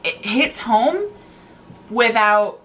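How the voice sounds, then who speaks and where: A woman co-hosting a book review in casual conversation, informal and halting, often repeating herself. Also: on the high side, lively intonation, a bit bright. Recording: noticeable background noise.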